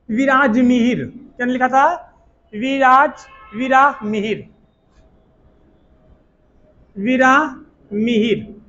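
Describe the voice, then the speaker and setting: High-pitched slow teacher. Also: male voice, bright, forceful tone, dull audio. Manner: repetitive call-and-response drilling. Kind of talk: classroom lecture.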